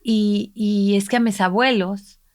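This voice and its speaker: A woman's voice: mid-range voice, steady tone, takes it slowly. A middle-aged woman, telling a personal story in an intimate podcast conversation and voicing the people she quotes. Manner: emotional, reflective, voices quoted people while retelling. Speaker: podcast co-host, mother.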